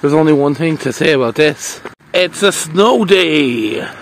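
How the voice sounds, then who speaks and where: On a park path in falling snow, an Irish vlogger chats and rambles into a phone held at arm's length, with playful sing-song bursts. His voice is on the high side and expressive, at a measured pace. There's slight background noise and faint outdoor ambience.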